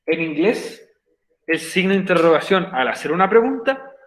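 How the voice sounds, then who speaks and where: A man's voice: sits high, expressive, normal speed. A male teacher explaining grammar patiently in an online class, repeating each step. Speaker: English teacher. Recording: echoey room.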